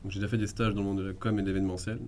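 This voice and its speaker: A young man in his twenties with a low voice, speaking quickly in an informal interview. His tone is dark and mellow, with faint ambient noise around him. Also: flat delivery. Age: 20s. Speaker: student project manager, interviewee.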